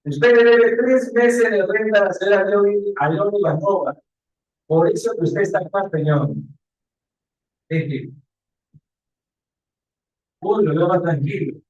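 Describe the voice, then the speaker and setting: Man playing a police inspector, shrewd, teasing, talkative, high voice, roomy echo. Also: a little slow, long pauses, dull audio. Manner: teasing, talkative, keeps urging calm. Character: shrewd, chatty male police investigator. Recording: echoey room.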